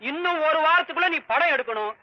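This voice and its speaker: A man's voice: very high-pitched, expressive, fast talker, dry recording. A blustering old father. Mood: demanding. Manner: blustering, demanding. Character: blustering older father of the heroine. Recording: muffled old film soundtrack.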